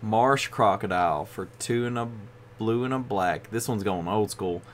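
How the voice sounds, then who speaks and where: A man's voice: fairly low pitch, moderate pace, a little hiss or hum. A man hosting a casual card review video, tired and yawning as he rambles along with frequent fillers. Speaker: card game video host.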